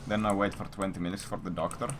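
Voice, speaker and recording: Keyboard clatter and clear background noise sit behind a man with a very deep voice as he casually tells stream viewers a rude, expletive-filled tale. He talks fast with fairly even intonation, rambling in typical streamer fashion.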